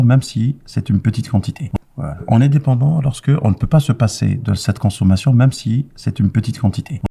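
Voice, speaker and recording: A man answering a caller as an expert, explaining in a calm, measured way. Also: medium pitch, gravelly. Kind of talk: explanatory advice.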